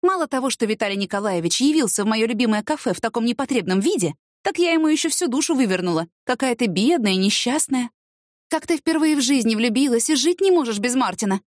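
A woman voicing a brisk, sarcastic woman friend who works in the courts and lectures her friend, in a storybook reading. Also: a little high, animated, no room sound, clean studio sound, voice pushed up, lightly acted. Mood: scolding.

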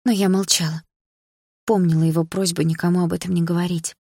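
A woman's voice: fairly low pitch, level tone, brisk, creaky, darkish tone, slightly rough, dry recording, studio quality. A woman narrating a first-person romance novel in an intimate, emotional way. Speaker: audiobook narrator.

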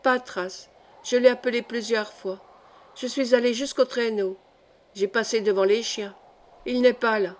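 A woman's voice: fairly high pitch, fairly even intonation, moderate pace, natural voice. A woman reading the lines of a frightened male polar geologist in an audiobook, murmuring anxiously. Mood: uneasy. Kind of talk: audiobook character voice.

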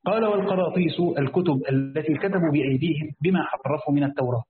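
A man's voice: a little high, very fast. A man with an Egyptian accent, a sheikh reading a classical Quran commentary aloud and explaining it in casual asides. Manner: switches between formal reading and casual asides, thinking aloud. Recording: echoey, phone-like, faint hiss.

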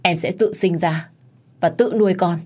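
A woman's voice: lowish voice, fairly even intonation, normal speed, dark tone, breathy edge. A woman voicing a scheming pregnant young woman in her twenties who pleads in a trembling voice. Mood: sullen. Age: 20s.

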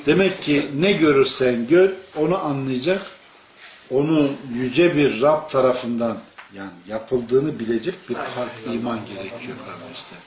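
A man's voice: medium pitch, unhurried. Male preacher, echoey lo-fi room. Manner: storytelling, asks the audience questions. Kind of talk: informal religious sermon. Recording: echoey room, dull lo-fi sound.

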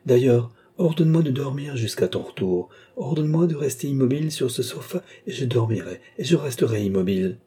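A man voicing a young woman under a trance who tenderly and slowly describes her visions in a storybook reading. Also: mid-range voice, expressive, dark tone, breathy edge. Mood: dreamy entranced. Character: young woman, entranced clairvoyant, tender and devoted.

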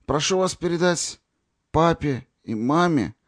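A man voicing a wounded, dying young man who speaks hoarsely, slowly, word by word, in an audiobook. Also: medium pitch, expressive, pitched above the performer's own voice, lightly acted. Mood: anguished. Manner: faltering, hoarse, slow.

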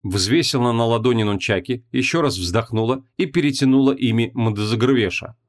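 Man, audiobook narrator, scripted narration, measured, middle pitch.

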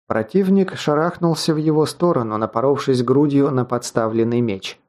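Mellow-voiced male audiobook narrator. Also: medium pitch. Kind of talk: scripted narration.

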